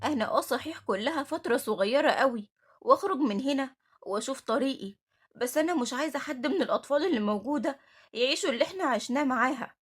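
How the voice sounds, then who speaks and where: A firm, motherly older matron with an Egyptian accent, as a woman reads her part, talking quickly and with authority. Her voice is high and a bit breathy. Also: lively intonation. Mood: tender. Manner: firm, scolding. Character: stern, motherly older woman who runs an orphanage.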